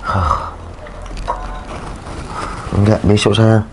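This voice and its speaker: A man playing an ailing young husband who feels guilty, speaking softly and wearily as if feverish and dizzy, in an amateur skit. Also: lowish voice, level tone, extremely slow, noisy background. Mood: tired tender. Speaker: sick husband.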